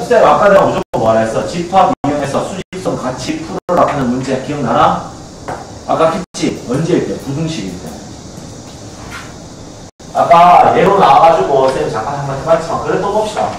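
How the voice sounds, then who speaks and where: Male Gyeongsang math teacher, high lively voice, quizzing students, taped from far back in an echoing classroom. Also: slight background noise. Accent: Gyeongsang Korean. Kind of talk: classroom lecture. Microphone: far camcorder. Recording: echoey classroom from a far camcorder.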